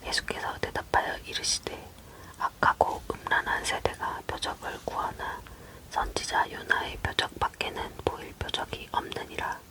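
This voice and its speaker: A person leaning in to whisper a Bible reading in a breathy, unvoiced ASMR voice, close to the microphone. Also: moderate pace. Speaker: Bible reader.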